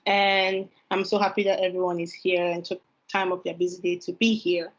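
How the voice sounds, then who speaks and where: A woman in her twenties hosts a panel discussion, her voice held level with little rise and fall. She lays out her questions slowly and carefully. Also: fairly low pitch, flat delivery, highs cut off. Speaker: podcast host. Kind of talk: hosting a panel podcast.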